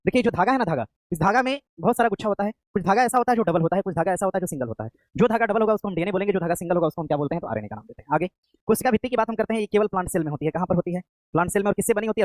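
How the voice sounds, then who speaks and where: A man's voice: high voice, no echo. A male coaching teacher giving an exam-prep lecture, asking his own questions and answering them, repeating each key term to a class that is also streamed online. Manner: repeats key terms again and again.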